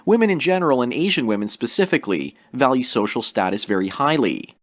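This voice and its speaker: A man reading commentary narration in a measured, lecturing way. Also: mid-range voice, big pitch swings, heavy background noise.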